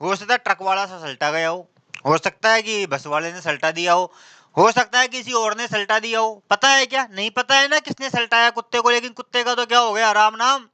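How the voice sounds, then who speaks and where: Male tutor, exam-prep grammar lesson, clear and smooth voice, dry close mic, repeats every point. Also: high voice, fairly quick, pushed and bright, dry recording. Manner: asks questions and answers them himself, with repetition. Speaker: teacher.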